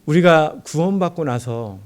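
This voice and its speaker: A young junior pastor preaches in church, sharing a personal testimony within his sermon and acting out the dialogue as an animated storyteller. His voice sits fairly high, and he speaks at an unhurried pace.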